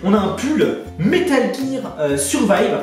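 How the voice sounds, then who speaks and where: A YouTuber unboxing items talks casually to his viewers like they're friends, sounding eager and very animated in a high-pitched voice at a slow pace. He uses a borrowed headset mic, and the recording sounds echoey and distant, with music playing.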